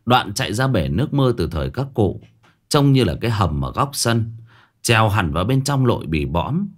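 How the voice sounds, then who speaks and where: A man narrating a ghost story in a lively, colloquial way. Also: fairly low pitch, moderate pace.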